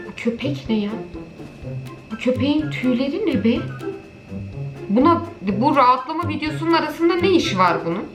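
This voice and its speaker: A young woman chatting casually as she reacts to videos, exclaiming and complaining. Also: medium pitch. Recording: echoey room with music behind.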